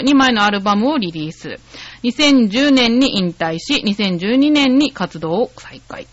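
A woman's voice: mid-range voice, no room sound, muffled recording. A woman hosting a radio interview in friendly, chatty conversation, laughing often. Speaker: radio show host. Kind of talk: casual interview chat.

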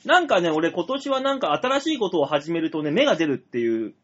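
Fast, lively high-voiced man teasing. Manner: teasing, quick joking retorts. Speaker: radio show co-host. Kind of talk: comedy radio banter. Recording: dull lo-fi web radio audio.

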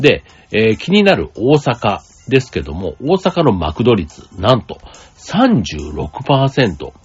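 A man's voice: mid-range voice, husky. A man from Kansai hosting a casual solo talk show, rambling with many fillers and asides. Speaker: podcast host. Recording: slightly dull lo-fi audio with faint music.

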